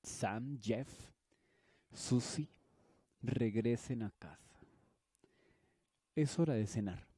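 A man reading the lines of a gruff widowed farmer who is harsh to strangers but gentle with his children. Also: mid-range voice, extremely slow, pauses often, dry recording, studio quality. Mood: stern.

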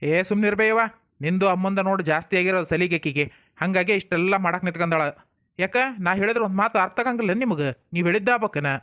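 A man acting out an irritated village husband with a North Karnataka Kannada accent, scolding in quick, curt bursts. His voice runs high and quick, recorded dry and slightly dull. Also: dry recording, close to an everyday voice. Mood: stern. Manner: scolding, curt rustic talk. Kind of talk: comic village family drama.

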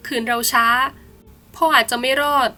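A woman's voice: a little high, steady tone, normal speed, sharp tone, faint music behind. A woman voicing a brave, dutiful young village daughter in a bedtime storybook, who talks sweetly, politely and earnestly.

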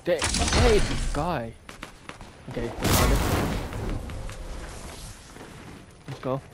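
A young man, giving chatty, casual commentary on his own gameplay and getting quickly annoyed when things go wrong. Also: mid-range voice, heavy background noise. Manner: excitable, easily annoyed, chatty. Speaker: gameplay streamer. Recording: game music loud in background. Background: loud game music.

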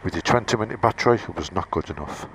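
This deep-voiced English biker talks fast with some vocal fry, chatting through a relaxed camera review and explaining each step. The audio comes from the action cam's helmet microphone and carries a faint background hiss. The vlog moves from his house and garden out to where his motorbike is parked.

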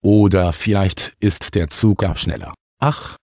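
A man's voice: deep voice, unhurried, a little mellow, no echo, studio quality. A man voicing an overwrought, tearful mother on the phone in an audiobook. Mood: frantic. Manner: agitated, overwrought. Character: frantic, tearful mother, adult woman.

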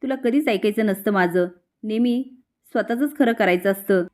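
A woman's voice: medium pitch, moderate pace, a little mellow, natural voice. A woman voicing a domineering mother who scolds her son insistently, in a spoken soap-story retelling. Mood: scolding.

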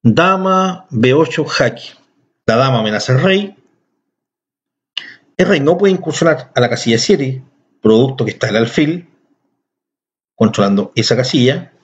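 A man's voice: mid-range voice, animated, measured pace, pauses often. A man teaching a chess lesson, explaining moves with enthusiasm and speaking directly to his viewers. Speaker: chess instructor. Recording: dull lo-fi recording.

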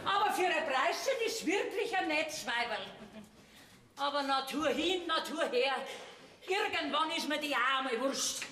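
A woman's voice: high voice, expressive, a little slow, pushed and bright, slight background noise, heavily acted. An actress playing a dry-witted farm woman. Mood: wry. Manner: dry, sardonic asides. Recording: distant echoey stage.

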